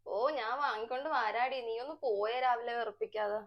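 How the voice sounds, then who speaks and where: A woman's voice: a little high, steady tone, fairly quick, dull audio, voice pushed down, close to an everyday voice. A woman voicing a curt, grumbling young husband who always sides with his mother, in a comedic family skit. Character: young husband, gruff, dismissive, mother's boy.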